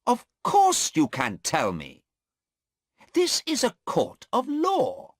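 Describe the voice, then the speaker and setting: A man voicing a sharp, insistent male defense lawyer in a story read aloud, pressing a witness with pointed questions. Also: very high voice, wildly swooping pitch, slow, no echo, studio quality, voice pushed up, exaggerated voice. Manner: pointed questioning, pushes hard.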